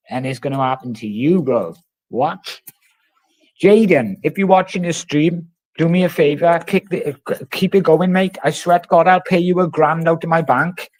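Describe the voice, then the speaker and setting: A man from the Welsh Valleys with a strong local lilt and a fairly high voice. He talks like a live streamer mid-rant, sweary, boastful and confrontational. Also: darkish tone, no echo, low-quality recording. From South Wales Valleys. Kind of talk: ranting casual livestream talk.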